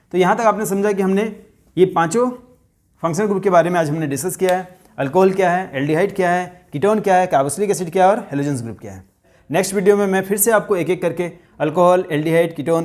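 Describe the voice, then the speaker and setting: A man teaching a chemistry lesson, asking his students questions and slowly repeating key terms. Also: high-pitched, a little mellow.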